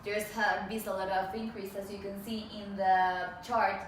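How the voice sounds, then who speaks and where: A woman's voice: mid-range voice, flat delivery, normal speed, slight background noise. Young woman student presenting, lots of restarts, sounds far from the mic in a really echoey room. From Colombia and Mexico. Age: 20s. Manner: hesitant, many restarts and fillers. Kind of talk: class presentation.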